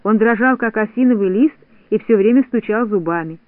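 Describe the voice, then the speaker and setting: A man reads a children's story aloud with clear, even storytelling. His voice sits unusually high for a man, and the sound is dry and narrow like a telephone line. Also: brisk, no room sound. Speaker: audiobook narrator.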